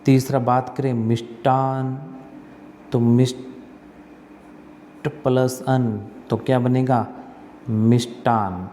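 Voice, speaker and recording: A man teaching an exam-prep spelling lesson, asking and answering his own questions and repeating words slowly. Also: mid-range voice, little pitch movement, mellow, in a large hall, slight background noise.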